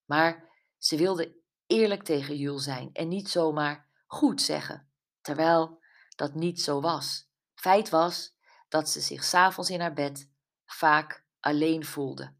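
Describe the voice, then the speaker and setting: A woman calmly narrating an audiobook novel. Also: sits low, slow pace. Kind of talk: scripted narration.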